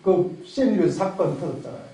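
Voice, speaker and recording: Male pastor with a very high voice, emphatic sermon full of rhetorical questions, picked up from far back in a cavernous church hall. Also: lively intonation, brisk, mellow. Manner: emphatic, with many rhetorical questions and repeated phrases. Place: church sanctuary.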